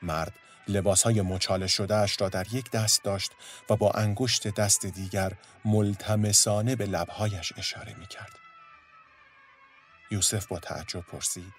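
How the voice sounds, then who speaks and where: A man narrating a story in a steady, measured storytelling voice. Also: fairly low pitch, faint music behind.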